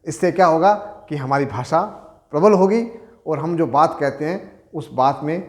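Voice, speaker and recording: A man's voice: fairly high pitch, moderate pace. A middle-aged man from Rajasthan teaching a Hindi spelling lesson for exam preparation, patiently explaining and answering his own questions. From Rajasthan, India.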